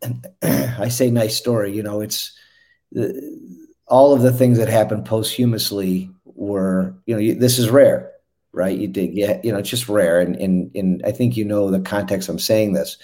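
A male interviewer asking questions in a halting way, with many restarts. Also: lowish voice, steady tone, mellow.

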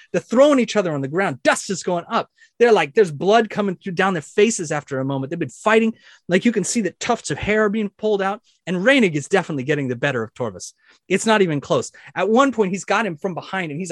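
Man narrating as dungeon master, slightly high, dry sound. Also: no echo. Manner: vivid, excited storytelling with sound effects. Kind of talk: narrating a tabletop game.

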